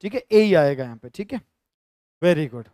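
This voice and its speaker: A man's voice: fairly high pitch, lively intonation, moderate pace, warm tone, no room sound, clean studio sound. A male teacher with a Rajasthani Hindi accent, explaining grammar step by step in a live online lesson and talking to viewers as friends.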